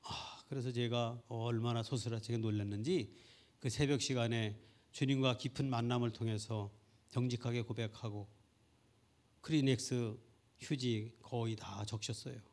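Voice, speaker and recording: A man's voice: medium pitch, fairly even intonation, moderate pace. Earnest male pastor preaching. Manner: earnest storytelling, building to loud fervent peaks. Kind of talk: sermon. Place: church sanctuary during Sunday service.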